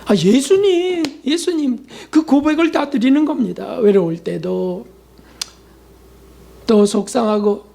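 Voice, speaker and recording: A man's voice: extremely high pitch, gravelly, dark tone. A man preaching a sermon as pastor, acting out prayers and asking the congregation rhetorical questions. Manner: preaching with acted-out prayers and quotes.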